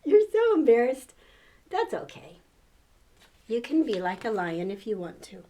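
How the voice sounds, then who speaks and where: A woman's voice: fairly high pitch, sing-song, unhurried, lo-fi sound. An older woman with a grandmotherly manner reads a children's story aloud, coaxing and encouraging with playful asides.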